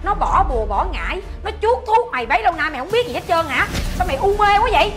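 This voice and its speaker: A woman plays a bossy, superstitious mother-in-law in a web drama, her Southern Vietnamese voice high and lively as she fires off scolding accusations at speed. Music runs clearly underneath. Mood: accusing. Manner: shrill, scolding, rapid-fire accusations. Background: background music.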